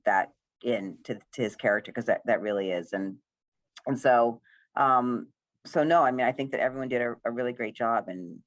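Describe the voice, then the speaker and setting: In a casual post-reading Q&A, a woman screenwriter rambles and heaps praise on her actors. Her voice rumbles low at a normal speed, with no echo.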